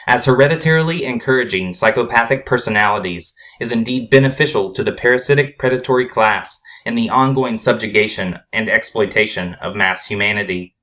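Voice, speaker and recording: Essayist narrator, male, grave and formal read, steady mid-range voice. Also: medium pitch. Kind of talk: scripted spoken essay.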